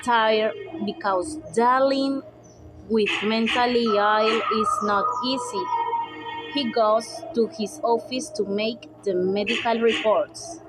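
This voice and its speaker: A young woman whose first language is Spanish, slowly reading a dark story aloud with careful pauses, over loud background music. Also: on the high side, steady tone, rough recording. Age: young adult. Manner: slow, careful reading, with pauses between phrases. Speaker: student narrator. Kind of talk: read-aloud story narration.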